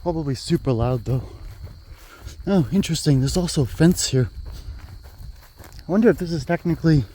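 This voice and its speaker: A man hosts a hiking vlog, walking a wooded prairie trail with a handheld camera while chatting casually and musing aloud with fillers. His voice is a little high, warm and expressive, at normal speed with long pauses. Faint insects and crickets sound in the background.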